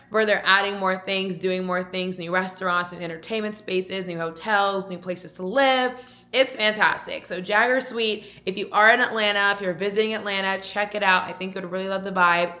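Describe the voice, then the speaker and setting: In an echoey room, a young woman with a medium-pitched, sharp-toned voice vlogs about her lifestyle. She talks casually to her viewers and to herself, leaning on repeated words for emphasis.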